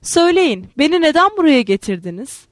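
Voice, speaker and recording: Woman doing a terrified young woman, pleading voice, high and bright, dry close sound. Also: sing-song, a little fast, no room sound. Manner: frantic, pleading.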